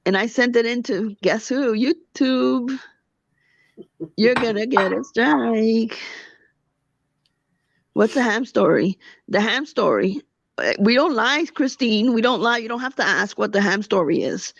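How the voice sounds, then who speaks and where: Woman, livestream host, gravelly, higher voice, indignant rant, dull lo-fi sound. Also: lively intonation, dry recording. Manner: indignant, rapid, talks back to chat. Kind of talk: ranting livestream chat.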